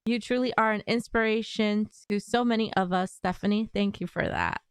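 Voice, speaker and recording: A woman's voice: mid-range voice, steady tone, moderate pace, smooth, no echo, studio quality. A woman host reading out viewer questions and comments during a live interview, laughing often between lines. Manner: giggly, reads comments aloud. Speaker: channel host.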